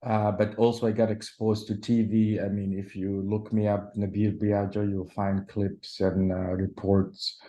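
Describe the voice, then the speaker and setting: A man from Sudan, a journalist answering interview questions in a measured way, often pausing and restarting. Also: fairly low pitch, level tone, dark tone, highs cut off. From South Sudan / Sudan. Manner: measured, with frequent hesitations and restarts. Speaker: journalist guest.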